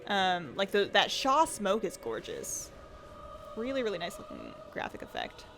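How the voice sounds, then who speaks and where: Against a noisy background, a woman game streamer rambles and chats casually, reading comments from viewers aloud. She speaks at normal speed in a medium-pitched voice that swoops wildly and sounds a little strained from talking.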